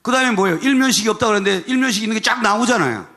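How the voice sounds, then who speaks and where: A man, a lawyer, addressing a church rally audience in an animated, rambling storytelling manner, often chuckling as he speaks. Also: high voice, rapid-fire. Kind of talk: animated storytelling speech to a crowd.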